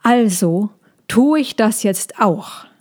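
A woman voicing a young male dragon in a storybook reading, speaking in a proud, firm, unhurried way. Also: medium pitch, expressive, a little mellow.

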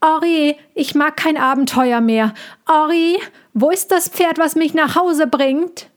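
A woman reading a storybook aloud, voicing a small, cheeky and touchy boy tiger cub in a high, bright voice that pleads or hisses. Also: unhurried. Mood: pleading.

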